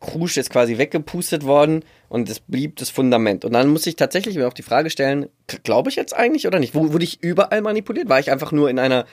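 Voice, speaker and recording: A man co-hosting a casual talk podcast, telling stories in an animated way and mixing in English words. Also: on the high side, fast, hardly any pauses. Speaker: podcast co-host. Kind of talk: casual chat. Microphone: podcast microphone.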